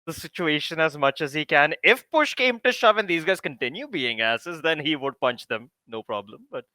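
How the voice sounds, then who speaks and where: Bright, dry-sounding man playing a game. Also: a little high, moderate pace, no echo. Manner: relaxed, plays his character in quotes. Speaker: player. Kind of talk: casual tabletop play.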